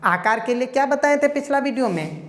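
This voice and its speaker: Woman, fairly high voice, spelling lesson, asks and answers own questions, reverberant room. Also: lively intonation, brisk. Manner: checks in with repeated "okay". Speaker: English teacher.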